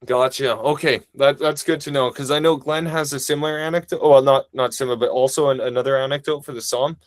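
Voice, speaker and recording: A man giving a family history webinar over a video call. He talks fast and casually, with eager restarts and asides. His voice is dry and close, with no room echo. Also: mid-range voice, fairly even intonation. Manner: talks quickly; casual, enthusiastic, many restarts. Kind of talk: webinar presentation.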